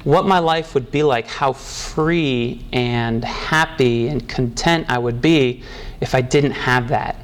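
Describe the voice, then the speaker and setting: A man giving personal testimony at a recovery meeting, halting and reflective, moved close to tears. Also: mid-range voice. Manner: halting and reflective, with pauses and restarts.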